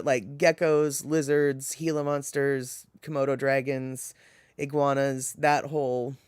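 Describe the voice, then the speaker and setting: A live-stream host from the US speaks in a mid-range voice, recorded at studio quality with no echo. Going through the viewers' chat, they chat casually, ramble, correct themselves and chuckle at their own comments.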